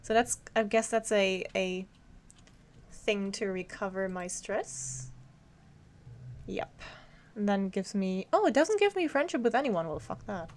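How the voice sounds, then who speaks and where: A woman's voice: medium pitch, expressive, unhurried, pauses often. A woman streaming a video game, chatting casually with viewers, giggling often and talking to her cat. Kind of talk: casual live-stream chat while gaming.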